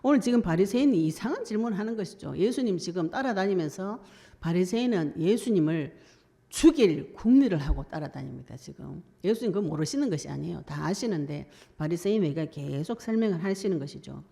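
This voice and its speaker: A woman's voice: lowish voice, lively intonation, a little fast, vocal fry, warm tone. A woman preacher, giving a colloquial sermon and acting out the voices she quotes.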